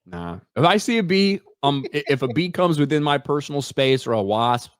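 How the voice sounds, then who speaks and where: A blunt, foul-mouthed man in casual podcast talk, his pitch bouncing up and down with every point. His voice sounds close and dry, with no room around it. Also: moderate pace, clear, resonant tone, no echo. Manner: blunt, profane, animated. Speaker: podcast co-host reading chat. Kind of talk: casual chat.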